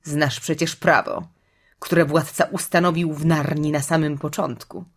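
A woman's voice: low voice, fairly even intonation. A woman voicing a cruel, gloating witch queen who drawls her words and breaks into shrieks. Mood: mocking. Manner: mocking, drawn-out, sudden shrieks.

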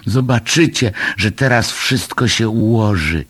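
A man's voice: lowish voice, expressive, a little slow, a bit bright, husky, pitched above the performer's own voice, exaggerated voice. A man voicing an eager, brave young male troll in a children's story, full of exclamations. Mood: excited.

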